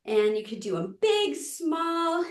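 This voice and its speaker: Woman, fitness class host, gentle and easygoing stretch instruction, distant mic, strong room echo. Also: high voice, sing-song, slow. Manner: gentle, encouraging, easygoing guidance. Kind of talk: casual guided stretching instruction. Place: indoor room, live online exercise session. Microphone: camera microphone at a distance. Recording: echoey room, distant microphone.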